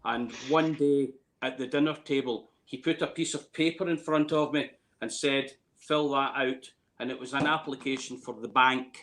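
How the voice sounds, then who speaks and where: A man's voice: mid-range voice, steady tone, moderate pace, few pauses, a bit bright. Scottish man in his late fifties, rambling storyteller. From Scotland, near Glasgow. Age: late 50s. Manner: hesitant, rambling storyteller, repeats words. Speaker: distillery warehouse tour guide. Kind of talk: casual interview chat.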